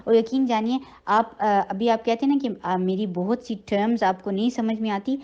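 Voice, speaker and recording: A woman teaching Quran recitation, slowly drawing out the verses between patient, encouraging explanations. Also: on the high side, highs cut off. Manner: slow drawn-out recitation between patient spoken instructions; gentle, encouraging. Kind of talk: tajweed lesson, recitation with explanation.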